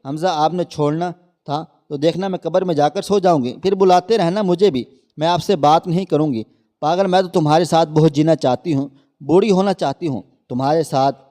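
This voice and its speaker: A man's voice: a little high, mellow, in a large hall, lightly acted. A man voicing a desperate young wife in a storybook reading, pleading and emotional. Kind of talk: storybook narration.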